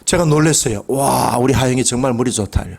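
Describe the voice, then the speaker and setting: A middle-aged man preaching a Sunday sermon as pastor, dropping to quiet asides and rising to emphatic calls, often asking the congregation questions. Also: fairly quick, vocal fry. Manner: swings between low quiet asides and raised emphatic calls.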